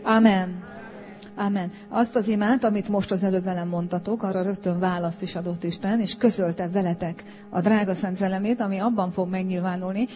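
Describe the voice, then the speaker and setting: A woman preacher leading a charismatic prayer, earnestly coaxing her congregation and breaking into speaking in tongues. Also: lowish voice. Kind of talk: charismatic sermon. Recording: loud music underneath. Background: loud worship music.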